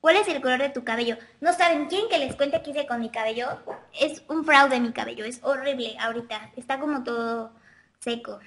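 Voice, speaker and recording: A woman's voice: sits high, fairly quick, a bit bright. A woman with a childlike, girlish voice, chatting casually on a webcam live stream and answering viewer questions. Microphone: webcam mic.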